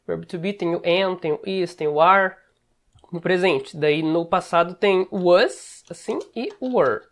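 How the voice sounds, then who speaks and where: A man's voice: sits high, measured pace, fairly bright tone. A Brazilian man teaching English in a casual lesson, explaining step by step and often checking in with short asides. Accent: Brazilian Portuguese. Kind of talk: casual screen-share lesson.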